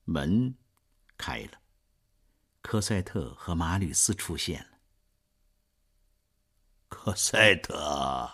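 Male narrator, storybook reading, slow, husky, lively expressive pitch.

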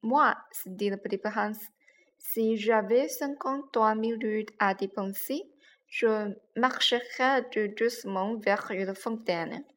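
Slow, careful woman reading a story aloud. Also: a little high, slight background noise. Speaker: reader.

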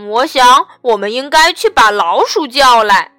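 Woman doing a loud practical farm pig. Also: a little high, animated, a little slow, no echo, soft background music. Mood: calling. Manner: calling out, practical.

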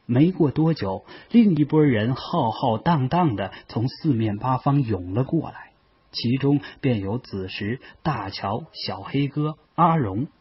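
A man calmly narrating a novel in the first person. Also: medium pitch, breathy edge. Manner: calm, measured storytelling. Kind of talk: audiobook narration. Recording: dull lo-fi audio.

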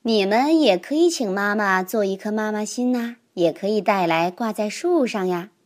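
A woman voicing a kind, patient teacher in a storybook, speaking softly and coaxingly. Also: mid-range voice, expressive, normal speed, lightly acted. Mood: gentle. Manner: soft, coaxing.

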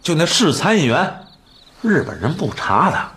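A man's voice: a little high, very animated, moderate pace, fairly bright tone. An actor playing a crude, scheming, irritable man of a wealthy household in a period TV drama, with a Beijing accent and earthy swearing. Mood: defensive scheming.

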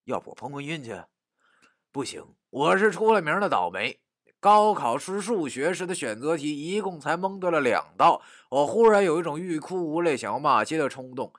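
A man narrating a first-person story, dramatic, dropping to a hush and rising to shouts. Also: a little high, moderate pace, no echo, clean studio sound. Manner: animated, dramatic, swings from hushed to shouting.

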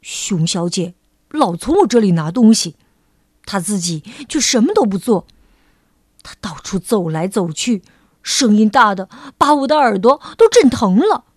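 A woman's voice: mid-range voice, sing-song, measured pace, darkish tone, no room sound, studio quality, voice pushed down. A woman voicing a fussy, irritable male rabbit in a storybook reading, with a grumbling, exasperated manner.

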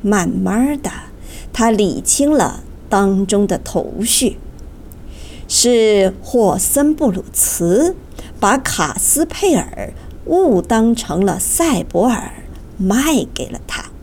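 A woman narrating a children's audiobook in an expressive, storytelling manner, addressing young listeners. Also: medium pitch, slow, a little hiss or hum.

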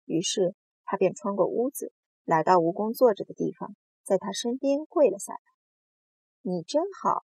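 Woman, storybook narrator, calm even reading, husky, dry sound. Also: medium pitch, normal speed, no room sound.

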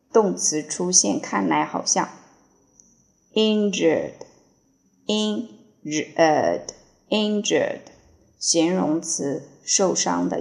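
Slow, gravelly-voiced woman reading vocabulary drills. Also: fairly low pitch, a little mellow. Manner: spells and repeats each English word slowly, then gives Chinese meanings. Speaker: English teacher. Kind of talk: word-by-word vocabulary dictation.

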